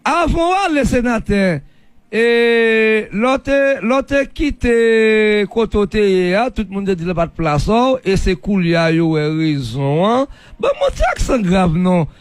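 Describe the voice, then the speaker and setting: An interviewer with a high voice and a slow, unhurried delivery. His pitch swings widely as he reacts. The sound is dry and close. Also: animated, clean tone, dry recording. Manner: reactive, quick interjections and laughter.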